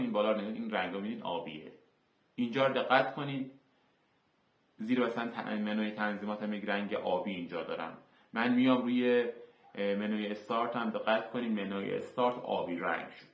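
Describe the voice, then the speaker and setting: A man's voice: lowish voice, highs cut off. Man explaining computer settings in echoey room. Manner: explains terms step by step with fillers. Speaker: tutorial host. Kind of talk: screen-recorded software tutorial.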